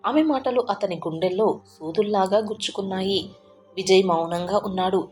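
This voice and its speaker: Woman, storyteller, measured heartfelt narration, soft music behind. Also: medium pitch. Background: soft background music.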